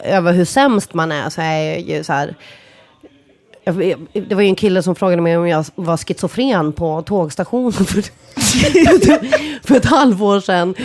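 A woman telling a funny personal story in casual talk. She swears freely, laughs often and acts out what people said with big jumps in pitch. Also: darkish tone.

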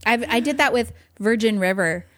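A woman's voice: on the high side, moderate pace, a bit bright, dry recording, studio quality. A woman chatting casually as a podcast co-host in a bubbly, gushing way, peppering her talk with "like" and repeating words for emphasis. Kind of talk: casual chat.

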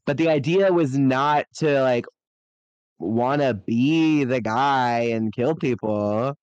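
A man's voice: mid-range voice, a little mellow, smooth, dry recording, lo-fi sound. Blunt, cursing man in casual chat. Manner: blunt, swears freely, talks in quick tangents. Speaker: player.

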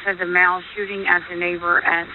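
Woman police dispatcher on police radio; brisk, clipped codes; tinny, hissy line. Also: fairly low pitch, flat delivery. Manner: brisk, businesslike, reads out times and codes. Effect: police radio transmission.

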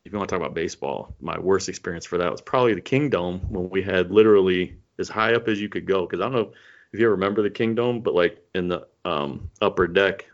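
A man's voice: sits low, quick pace. A man in casual chat, laid-back and profane, swapping stories about games. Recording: dull lo-fi sound.

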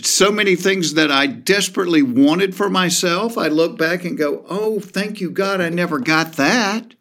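A man's voice: sits high, moderate pace, a bit bright. A man in casual conversation, reflective and earnest, with a self-deprecating streak. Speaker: comedian guest. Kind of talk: casual chat.

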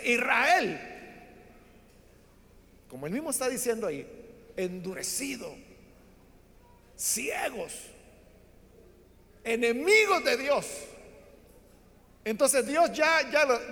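A man preaching a sermon, telling a Bible story in an animated way and acting out the people in it. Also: extremely high pitch. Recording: long hall reverb.

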